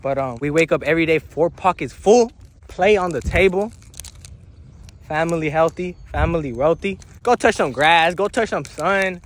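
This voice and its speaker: A man's voice: on the high side, normal speed. A nineteen-year-old man in a casual selfie vlog, outdoors by the water and on a jet ski, talking in a hyped, slangy, motivational way into a phone held at arm's length. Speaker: vlogger. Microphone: phone camera at arm's length. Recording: loud wind and engine noise.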